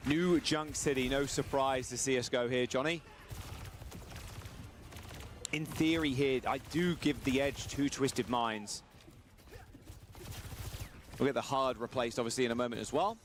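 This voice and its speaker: A man's voice: medium pitch, fairly even intonation, a little hiss or hum. A man giving color commentary on an esports match in a casual, joking manner. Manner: casual, laid-back and quick with jokes. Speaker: esports co-caster.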